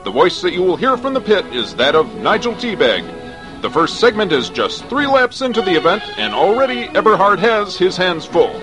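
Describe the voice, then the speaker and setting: Brief: mock-earnest male sports announcer, animated, music bed. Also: high-pitched, normal speed, poor audio. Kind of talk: mock sports news report.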